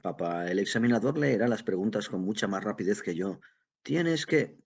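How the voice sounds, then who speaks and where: A man voicing a tired grown son who speaks calmly and evenly, in a husky voice. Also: lowish voice, full character voice. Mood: patient. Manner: calm, measured reading. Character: weary, patient grown son.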